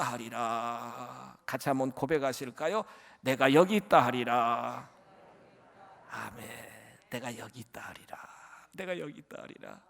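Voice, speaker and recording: Impassioned high-voiced male pastor preaching. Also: gravelly. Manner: impassioned, swinging from shouts to whispers; keeps addressing the congregation. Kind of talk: sermon.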